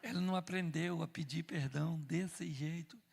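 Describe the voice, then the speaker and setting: A male preacher voicing God as a calm, gentle male voice that speaks quietly and evenly. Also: a little high, creaky, husky. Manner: quiet and measured. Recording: reverberant church hall.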